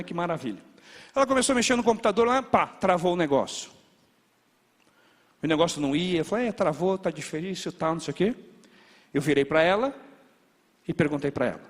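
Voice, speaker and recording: A male pastor preaches in a large church, his fairly high voice ringing out in a long hall reverb. He tells stories in an animated way and punctuates them with sound words. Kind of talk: sermon.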